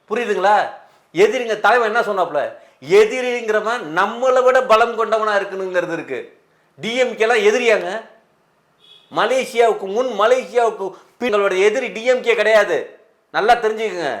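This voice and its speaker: Tearful high-voiced man pleading. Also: a bit bright. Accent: Tamil Nadu. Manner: tearful and pleading, voice breaking while talking. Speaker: interviewee, film director. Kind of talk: emotional interview answers.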